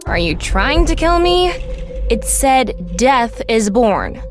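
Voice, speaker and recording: A woman's voice: a little high, big pitch swings, slow, background noise. A woman voicing a blunt, snippy young woman from a game, with a slight valley-girl tone. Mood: wary. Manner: reads game dialogue aloud, a little valley-girl tone. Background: game music.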